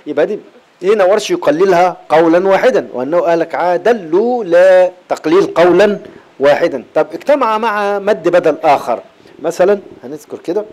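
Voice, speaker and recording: A man with an Egyptian Arabic accent teaching Quran recitation in a classroom lecture. He explains patiently, repeats key terms and breaks into slow chanted verse. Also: high voice, darkish tone.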